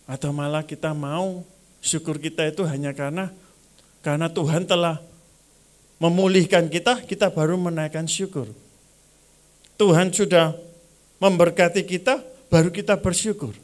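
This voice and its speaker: A man's voice: fairly high pitch, fairly even intonation, normal speed, pauses often. A male pastor preaching a sermon at a church service, dropping in phrases and acting out short prayers and grumbles. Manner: acts out prayers and grumbles in small voices; mixes in Javanese phrases.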